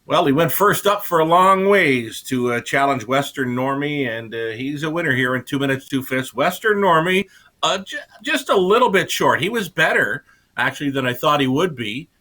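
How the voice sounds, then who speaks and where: A man giving unscripted post-race commentary in a halting way, pausing often mid-sentence. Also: a little high, animated, bright, forceful tone.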